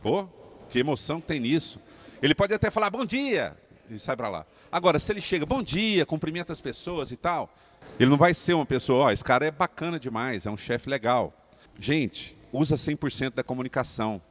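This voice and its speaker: A man with a Brazilian Portuguese accent teaching leaders public speaking to a live audience, emphatic and animated, asking the room questions. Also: medium pitch. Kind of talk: live talk to a seated audience.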